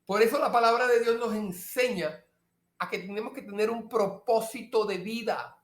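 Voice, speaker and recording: A man preaching a sermon slowly and emphatically, repeating key phrases. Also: high-pitched, reverberant.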